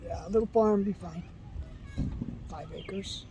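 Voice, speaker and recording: Woman, fifties, medium pitch, casual agreeable remarks, clear background noise. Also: a little slow. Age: 50s. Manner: agreeable, brief interjections. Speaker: vlog co-host. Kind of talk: casual chat. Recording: noisy ambient background.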